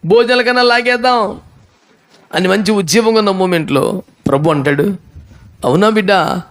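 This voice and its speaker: A male pastor delivers a lively sermon in a high voice. He tells the story with energy, slipping into the characters, and needles his listeners with mocking rhetorical questions. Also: moderate pace. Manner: animated storytelling, acting out characters.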